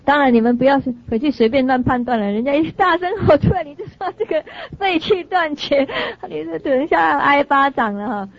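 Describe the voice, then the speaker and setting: Lively woman telling stories in a sermon. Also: sits high, brisk, hardly any pauses. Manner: lively storyteller, laughs, corrects herself. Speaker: dharma teacher. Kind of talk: storytelling sermon to an audience. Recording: dry, slightly dull lo-fi sound.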